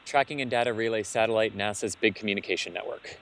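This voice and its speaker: A man co-hosting with casual, informative explanations in a somewhat halting delivery. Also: fairly low pitch, a bit bright. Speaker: co-host explainer.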